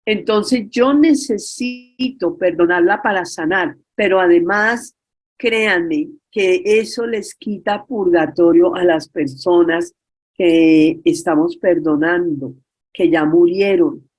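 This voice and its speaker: An older woman gives a heartfelt spiritual talk on forgiveness. Her voice sits slightly low. She repeats key words for weight and draws on her own life story. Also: slow, a little mellow. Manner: earnest, repetitive, personal testimony. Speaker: religious workshop speaker.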